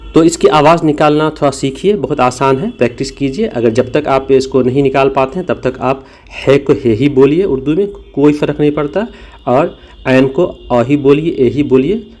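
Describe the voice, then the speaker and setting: A man's voice: mid-range voice, mellow. A man teaching a language lesson, explaining patiently and demonstrating sounds. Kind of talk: spoken lesson.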